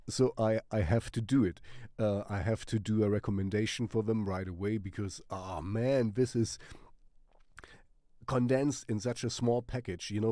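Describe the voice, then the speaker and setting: With a German accent and a cold, a male music channel host rambles through a casual music recommendation, full of fillers, casual swearing and frequent laughter. His pitch is fairly low and his tone dark. The studio-quality recording has no echo.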